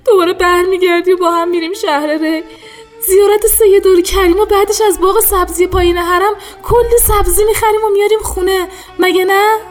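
A woman's voice: fairly high pitch, faint music behind, natural voice. An actress playing a devoted middle-aged wife who speaks tenderly to her husband, sometimes close to tears. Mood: tearful, longing. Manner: tender, tearful pleading.

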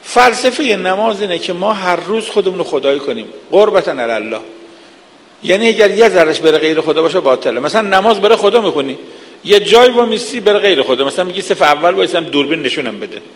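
A man's voice: high-pitched, animated. A man giving an earnest sermon, lecturing with vivid everyday examples. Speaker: preacher. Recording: long hall reverb.

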